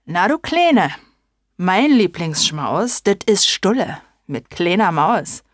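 A hulking, slow-witted storybook monster with a gruff Berlin dialect, blustering and loud, put on by a woman reader. The delivery is slow and plain. The sound is dry and close. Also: fairly low pitch, sing-song, dry recording, heavily acted. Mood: greedy.

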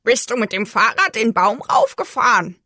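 A woman's voice: fairly high pitch, sing-song, normal speed, pushed and bright, no room sound, clean studio sound, full character voice. A woman voicing a grumpy, vain male crow in a storybook, with curt, self-important replies. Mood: curious.

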